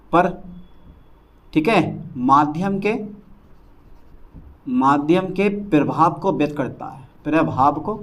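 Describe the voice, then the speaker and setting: High-voiced man dictating physics notes. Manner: repeats phrases slowly for dictation, quizzes students. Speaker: physics teacher. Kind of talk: classroom lecture, dictating notes.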